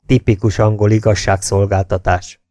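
A man's voice: fairly low pitch, little pitch movement, darkish tone, no echo, studio quality, natural voice. A man voicing a defiant policeman under interrogation, giving terse, guarded answers. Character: stubborn, defiant policeman held as a prisoner.

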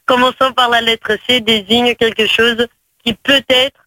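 A man's voice: very high-pitched, little pitch movement, sharp tone, slight background noise, low-quality recording. A man from Portugal in a radio studio, stumbling and restarting as he reads a riddle aloud. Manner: stumbling, halting reading aloud. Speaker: studio guest reading a riddle.

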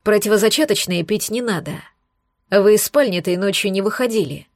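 A stern male werewolf boss, read by a woman narrator in an audiobook. He speaks in a dry, cold, clipped way, a little lower and quieter than the narration. The recording is close and dry. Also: fairly quick, no echo, lightly acted.

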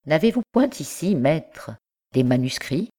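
Brief: woman reading as a polished, insistent young gentleman, low-pitched and slow. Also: animated. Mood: suave. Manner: courteous, then urgent and driven. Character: young nobleman scholar, ambitious and insistent.

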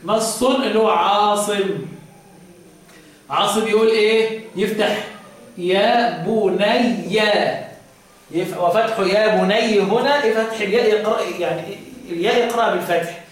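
A man with an Egyptian accent teaching Quran recitation, quizzing students and drawing out recited words slowly. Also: high-pitched. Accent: Egyptian Arabic. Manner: drills by question, draws out recited words slowly. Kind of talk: classroom lesson with questions to students. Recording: echoey room, voice from far off mic.

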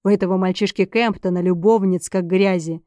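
A woman's voice: mid-range voice, steady tone, brisk, dark tone, dry recording, natural voice. A woman voicing a furious, domineering middle-aged duke who bullies and rants. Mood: coaxing. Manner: bellowing, bullying tirades.

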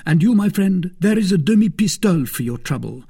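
A man's voice: high-pitched, big pitch swings, brisk, gravelly, dark tone, slightly rough, voice pushed up, full character voice. A man voicing a bold, resolute young musketeer in a storybook reading, firm and urgent.

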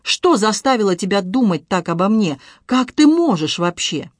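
A young husband, quick to flare up and then soft and coaxing, as an audiobook reader plays him. The voice is mid-pitched and the recording is close and dry. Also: big pitch swings, no echo. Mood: indignant. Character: young husband, hot-tempered but tender. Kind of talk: audiobook dialogue.

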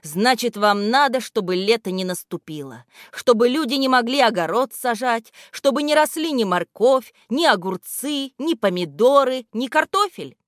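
A woman voicing a strict, scolding male guardian of grammar in a storybook reading, speaking loudly and higher than her own voice. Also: lively intonation, normal speed, few pauses, dry recording, studio quality. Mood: stern lecturing. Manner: loud and scolding.

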